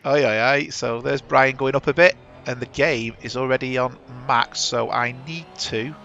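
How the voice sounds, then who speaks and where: Heard through a muffled recording, a man with a medium-pitched, sharp voice and some vocal fry delivers live sim racing commentary at a moderate pace. As the stream's headset-wearing host, he chats, rambles, and corrects himself over the action.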